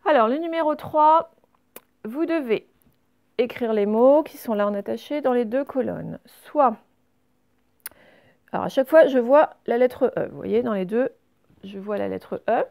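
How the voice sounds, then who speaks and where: Woman, schoolteacher, recorded reading lesson, mellow tone, slow clear corrections. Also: on the high side. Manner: clear, careful word-by-word correction of exercises. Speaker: primary school teacher.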